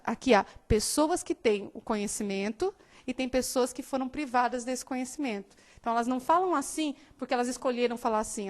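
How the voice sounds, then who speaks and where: A woman teacher from São Paulo state with a São Paulo Portuguese accent softened by years in the south, giving a live classroom lecture and often checking that students understand. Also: high-pitched. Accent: São Paulo Portuguese, softened by years in southern Brazil. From São Paulo state, Brazil.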